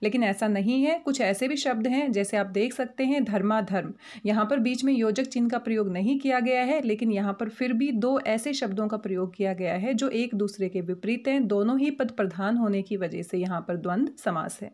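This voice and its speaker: Grammar teacher lady, kinda high voice, patient, slows down on each example word. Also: darkish tone. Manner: patient, slowing down to spell out example words. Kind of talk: explaining grammar over slides.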